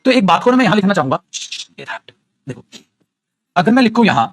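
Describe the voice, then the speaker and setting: Animated male tutor with lively high voice. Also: brisk, a little hiss or hum. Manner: animated, teasing, calls students beta. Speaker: English grammar teacher. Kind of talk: classroom grammar lesson in Hindi.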